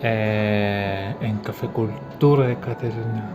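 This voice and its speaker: A woman voicing a deep-voiced male sidekick co-host who chimes in with short agreeing interjections. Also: steady tone, takes it slowly, over music. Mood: playful.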